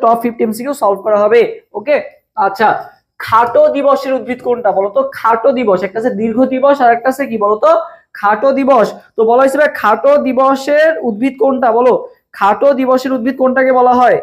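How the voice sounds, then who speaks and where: Young male tutor with a Bangladeshi Bengali accent, quick live-class delivery, repetitive drilling. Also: very high-pitched. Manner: fast, repetitive, drills each question over and over. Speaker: admission test tutor. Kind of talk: live-streamed exam prep class.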